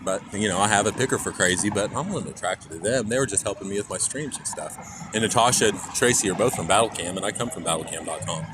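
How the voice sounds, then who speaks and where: A Kansas man with a lowish voice talks quickly as he rambles and jokes on an IRL live stream, chatting with viewers and reading their chat aloud. He's recording on a phone outside, with traffic clearly audible.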